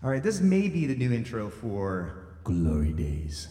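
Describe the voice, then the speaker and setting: Man singing through a cave echo. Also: wildly swooping pitch. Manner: crooning slow and dramatic in a high, loud rock-singer voice. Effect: cavernous echo vocal effect. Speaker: podcast host. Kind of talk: casual podcast banter. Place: basement apartment.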